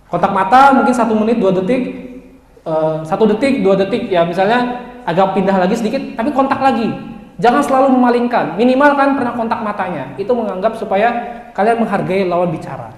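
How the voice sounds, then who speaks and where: Male lecturer, lively and joking, high voice, long reverb. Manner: lively, joking, addresses students directly. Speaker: university lecturer. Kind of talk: classroom lecture. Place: classroom. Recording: echoey room with long reverb.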